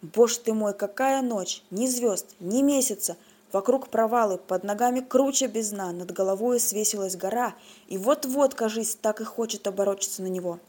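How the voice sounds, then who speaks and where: A woman's voice: medium pitch, normal speed, warm tone, husky, natural voice. A woman voicing a stubborn, grumbling old village grandfather who exclaims and mutters to himself. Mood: frightened.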